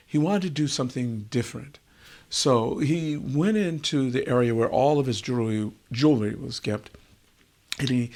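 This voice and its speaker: A male storyteller relating a wisdom tale at an unhurried pace. He leans on repetition to let each moment sink in, with a voice of ordinary pitch for a man. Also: a little mellow. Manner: unhurried, repeats words for effect. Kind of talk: oral wisdom tale telling.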